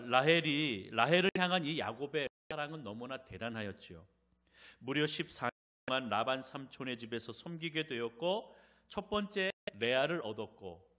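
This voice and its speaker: A man preaching a sermon in a church as pastor. He tells stories in an animated way and often turns to speak directly to the congregation. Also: mid-range voice.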